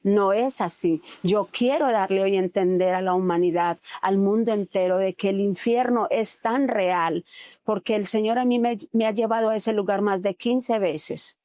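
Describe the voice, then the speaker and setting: A woman's voice: mid-range voice, normal speed, dark tone, dry recording. A woman giving an earnest religious testimony, preaching with frequent hesitant fillers between phrases. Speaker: testimony speaker.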